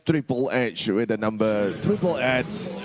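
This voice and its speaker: A man giving measured, bantering co-commentary at a live drift event. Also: medium pitch, big pitch swings.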